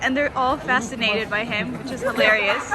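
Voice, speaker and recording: A woman's voice: on the high side, steady tone, moderate pace. A woman travel vlogger chatting casually to the camera outdoors on city streets, exclaiming often. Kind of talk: casual vlog chat to camera. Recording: background music and crowd chatter.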